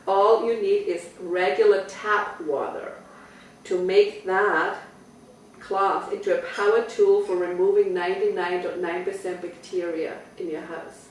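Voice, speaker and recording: A woman with a mid-range, darkish voice and an Austrian German accent hosts a home party product demonstration in a living room. Chatty and explanatory, she goes through things step by step and keeps asking her audience questions, while the echoey recording catches her from some way off.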